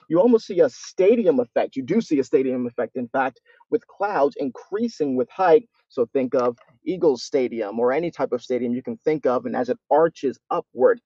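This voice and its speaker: A man's voice: mid-range voice, darkish tone. A man presenting a live weather broadcast, explaining things and addressing viewers directly. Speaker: social media weather presenter. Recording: echoey room, slightly dull sound.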